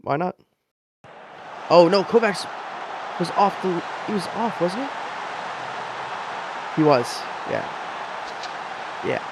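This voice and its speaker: Gravelly young man doing casual match commentary. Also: sits high, expressive, slow, pauses often, noisy background. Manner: rambling, self-deprecating, chatty asides.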